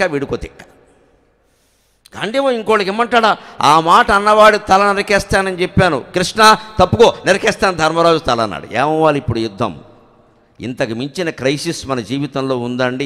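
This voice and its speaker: A man's voice: on the high side, a bit bright. Older male orator, dramatic, chants verses; echoey temple hall. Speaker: spiritual orator. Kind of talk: Telugu religious discourse. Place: temple hall before a large crowd.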